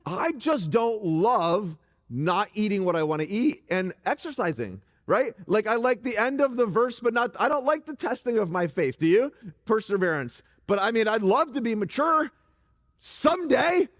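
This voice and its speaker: A middle-aged man preaching a conversational sermon from a church stage, animated and joking with the congregation. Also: sits high, moderate pace. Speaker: pastor. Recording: reverberant church hall.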